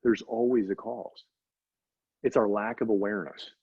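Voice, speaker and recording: A middle-aged man, an interview guest, telling animated faith-driven stories and often asking "right?". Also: lowish voice, normal speed, vocal fry, slightly rough, dry recording. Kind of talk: casual storytelling interview. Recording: dry, slightly dull recording.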